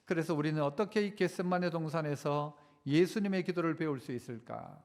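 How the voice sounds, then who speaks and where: A male pastor preaching a sermon. He leads his congregation in repeating phrases, slows down to stress key words, and briefly acts out quoted voices. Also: fairly high pitch, darkish tone. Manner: leads congregation in call-and-response repetition. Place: large church sanctuary. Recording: long church hall reverb.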